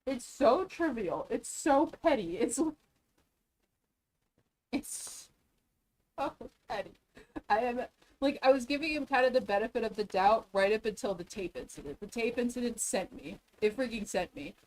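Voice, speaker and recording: A woman with a somewhat high voice vents her frustration in a casual story. She talks in an exasperated way and keeps repeating lines to stress her point. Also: brisk, darkish tone, rough recording.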